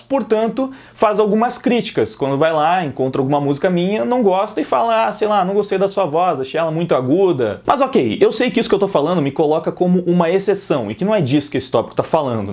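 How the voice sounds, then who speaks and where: A man with a Brazilian Portuguese accent hosting an opinion vlog, emphatic and opinionated, speaking loudly when excited. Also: sits high. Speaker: opinion video host and singer.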